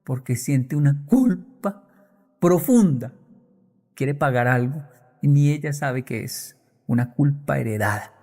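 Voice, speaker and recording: A man's voice: medium pitch, animated, unhurried, warm tone, faint music behind. A man giving a motivational talk on stage to an audience, emphatic and acting out the voices of the people he quotes. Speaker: motivational speaker.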